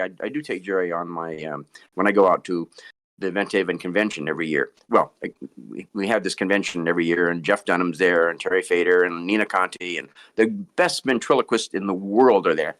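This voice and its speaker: A man's voice: low-pitched, a bit bright. A middle-aged man tells stories as a ventriloquist guest in a casual interview, stammering over repeated words and chuckling. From Boston.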